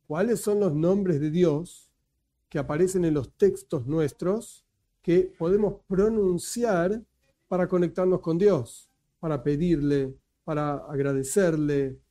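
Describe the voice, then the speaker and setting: A man's voice: on the high side, slow, mellow. A man with an Argentine accent giving a conversational lecture as a teacher, explaining patiently and slipping in joking asides. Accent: Argentine Spanish.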